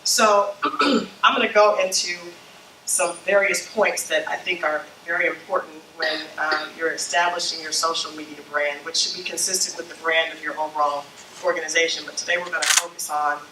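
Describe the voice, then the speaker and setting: Recorded far from the mic in an echoey meeting room, a woman with a low, fairly even voice speaks a little fast to a small group of church leaders. A summer flu has left her slightly scratchy, and as a branding consultant running a workshop she often asks "okay?" or "you know?".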